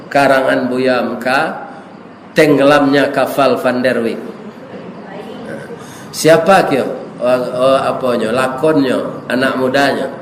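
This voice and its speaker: A man's voice: on the high side, a little hiss or hum. A middle-aged man with a Minangkabau accent preaching a humorous sermon, joking with the congregation. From Indonesia. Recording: roomy echo with long reverb.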